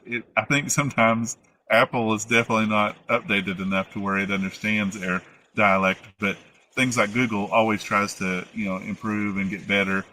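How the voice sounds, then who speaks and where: Bright-voiced Appalachian man, rambling casually. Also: lowish voice, slight background noise. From United States. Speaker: interview guest, former flight attendant. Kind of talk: casual conversational storytelling.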